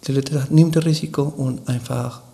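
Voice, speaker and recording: A man gives a radio interview in German, his language being Spanish. His voice has a gravelly, creaky edge at a middle pitch. He pauses and restarts often as he searches for words. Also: steady tone, mellow. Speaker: guest, Spanish course teacher.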